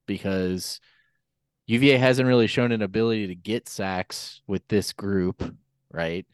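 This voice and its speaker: A man's voice: on the low side, unhurried, smooth, no echo. A man on a sports podcast panel, chatting casually and unscripted, thinking aloud as he goes.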